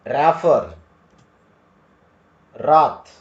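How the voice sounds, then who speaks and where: A man with a Kannada accent teaching English pronunciation, speaking slowly and repeating each word to drill it. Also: on the high side. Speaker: English tutor. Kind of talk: slow spoken English lesson. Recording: echoey room, dull lo-fi sound.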